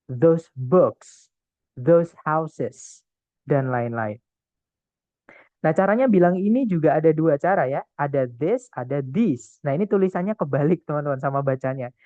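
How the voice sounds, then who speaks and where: A man's voice: fairly high pitch, no room sound. A man tutoring an English test class in a casual online lesson, explaining step by step and often adding filler words. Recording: tinny phone-like sound.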